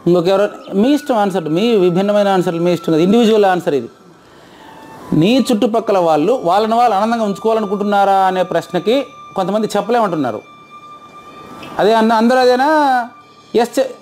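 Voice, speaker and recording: A man with a high-pitched, darkish voice teaches a group in an interactive lecture. He quizzes his audience, asking questions over and over and checking their answers.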